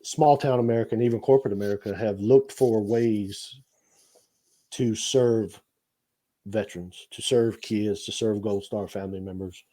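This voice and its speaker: A man's voice: fairly low pitch, steady tone, moderate pace, warm tone. A man, talking earnestly as a guest and telling stories about his nonprofit work. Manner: earnest storyteller, frequent restarts. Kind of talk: casual conversation.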